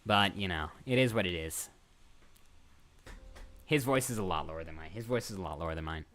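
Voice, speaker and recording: A deep, fairly bright voice, delivered a little fast, belongs to an eighteen-year-old streamer and voice actor chatting casually live. He rambles on, repeats phrases and keeps interrupting himself mid-sentence.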